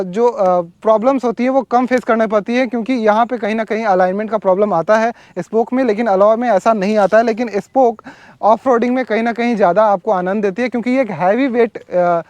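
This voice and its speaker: A man's voice: high voice, darkish tone, no room sound. A man giving a casual, conversational motorbike review outdoors, explaining features with frequent fillers. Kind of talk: casual product walkaround. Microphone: wireless or helmet mic.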